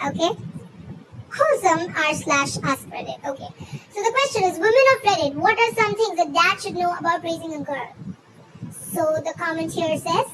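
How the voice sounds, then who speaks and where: A woman with a squeaky, chipmunk-like cartoon voice from a pitch-raising filter, casually commenting on and reading online posts in a rambling, informal way. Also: noisy background. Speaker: host.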